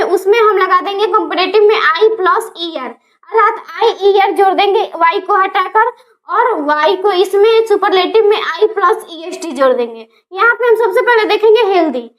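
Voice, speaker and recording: Teacher, woman, very high voice, spells words out slowly in a grammar lesson. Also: a bit bright.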